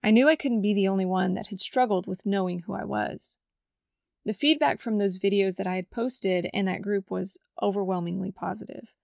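A woman hosts a devotional podcast, reading from a script about her personal story with earnest reflection. Her gravelly, scratchy voice has a middle pitch and a darkish tone at normal speed, recorded dry on a close mic with no room echo.

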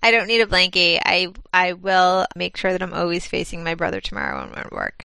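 Gravelly bright woman co-host. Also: on the low side, big pitch swings, a little fast, no echo. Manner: playful, easily amused listener. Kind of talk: casual chat.

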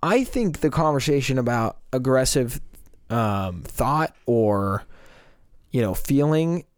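A man's voice: medium pitch, lively intonation, takes it slowly, clear, resonant tone, no room sound, studio quality. A young man co-hosting a podcast, talking casually with many fillers as he argues a point. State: voice still recovering from losing it. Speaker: podcast co-host. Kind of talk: casual discussion.

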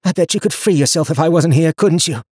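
A man's voice: a little high, expressive, quick pace, a little mellow, breathy edge, dry recording, clean studio sound, pitched above the performer's own voice. A man reading an audiobook, voicing an admiring young man who talks eagerly. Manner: eager, then sleepy.

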